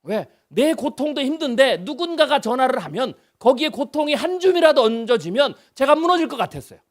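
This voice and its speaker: A man in his fifties with a strikingly high voice preaches a revival sermon as guest pastor. He talks to the congregation like a conversation, throwing out rhetorical questions. He swings from loud, pressing emphasis down to near-hushed lines. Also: big pitch swings, brisk.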